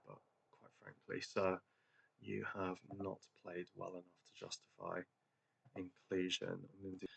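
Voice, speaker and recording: An English gaming channel host casually commentates on a football management game he's playing, chatting hesitantly with lots of ums and self-deprecating asides. His deep voice has vocal fry, a somewhat bright tone, and a breathy edge.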